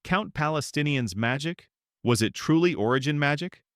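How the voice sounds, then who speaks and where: A man's voice: fairly high pitch, expressive, moderate pace, fairly bright tone, dry recording, clean studio sound, voice pushed up. A man reading the lines of a nervous young noblewoman who speaks formally and carefully. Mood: polite.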